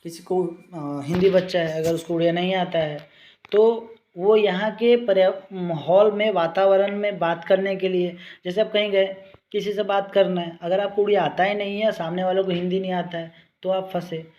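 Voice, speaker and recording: The audio is dull as a teacher with a steady, slightly mellow mid-range voice gives an exam-prep lecture. English definitions are read slowly and then explained in Hindi with everyday examples, in a rambling manner full of restarts.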